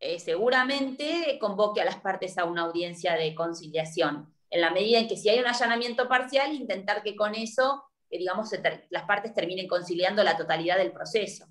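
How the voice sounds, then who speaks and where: A woman's voice: medium pitch, fairly quick, few pauses, fairly bright tone. A woman with an Argentine accent gives a university law lecture, explaining step by step and checking in often with her listeners. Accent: Argentine Spanish. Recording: roomy echo.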